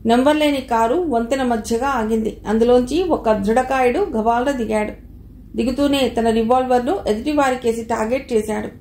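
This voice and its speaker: A woman reads a novel aloud in a steady storytelling manner, voicing the dialogue lightly. Her voice sits a little high. The room around her gives it a noticeable echo. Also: normal speed. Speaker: audiobook narrator. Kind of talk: scripted narration of a novel.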